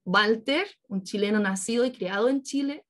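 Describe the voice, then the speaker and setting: A woman's voice: fairly high pitch, moderate pace, fairly bright tone. A woman preaching a sermon to her congregation, painting vivid scenes and often checking in with her listeners. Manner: engaging, keeps checking in with listeners; vivid storytelling with imagined scenes.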